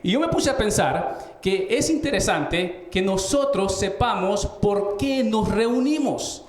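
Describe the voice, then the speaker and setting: A man's voice: high-pitched, expressive, slow pace. A man giving a Bible teaching in a sermon style, explaining word meanings and asking his listeners rhetorical questions. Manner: explanatory, asks rhetorical questions, frequent restarts. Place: church. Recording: roomy echo.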